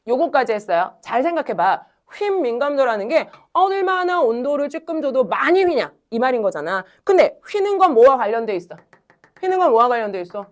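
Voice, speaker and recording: Lively woman teacher telling a class story. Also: a little high. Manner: lively, chatty, acts out students' grumbles. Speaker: high school Korean language teacher. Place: classroom at a cram school.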